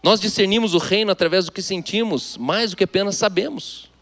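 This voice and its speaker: Preaching with emphasis in a fairly high voice, a Brazilian Portuguese-accented male pastor delivers a sermon at a fairly quick pace. His delivery moves back and forth between loud proclamations and hushed asides.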